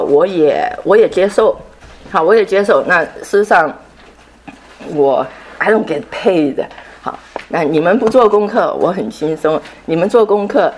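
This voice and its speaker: Woman, middle-aged, low voice, Sunday school teacher, unhurried, repetitive, mixes in English words. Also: slight background noise. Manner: unhurried, repeats key phrases, sprinkles English words; ends phrases with soft tag particles. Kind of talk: classroom teaching talk.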